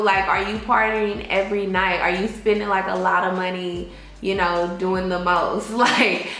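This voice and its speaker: A woman's voice: mid-range voice, fairly bright tone. A young adult woman chats casually to camera, giving advice in an emphatic, conversational way full of "like" and "you know". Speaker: vlogger giving advice to expat English teachers. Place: small indoor room with bare walls. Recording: echoey untreated room.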